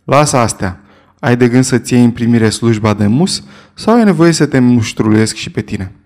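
A man's voice: medium pitch, lively intonation, darkish tone, natural voice. Brutal sea captain, cold and mocking, read plainly by a male narrator. Mid-range voice. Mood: curt. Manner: curt, mocking commands.

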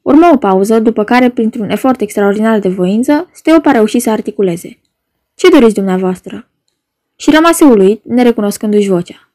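Woman narrating a novel, higher voice. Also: mellow. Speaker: audiobook narrator. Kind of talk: literary audiobook narration.

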